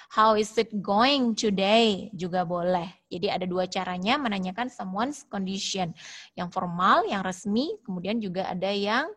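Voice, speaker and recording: An Indonesian-accented woman teaches an English lesson over a video call, with a middle-pitched voice. She explains at length, repeats herself, and slows down to model each phrase. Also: a bit bright. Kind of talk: online class lesson, mixing Indonesian and English.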